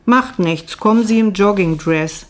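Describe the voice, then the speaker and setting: A woman voicing a calm, probing male psychologist in a novel reading, asking questions matter-of-factly. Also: mid-range voice, measured pace, lightly acted.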